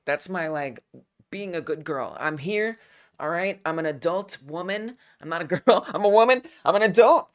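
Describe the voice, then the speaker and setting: A young woman hosts a game-making stream in a low-set voice that swings widely as she reacts. She chats casually, teasing herself and getting worked up over small things. Her delivery is loose and expressive. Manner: excitable, self-mocking, quick to laugh. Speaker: host of a game jam stream. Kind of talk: casual live-stream chat.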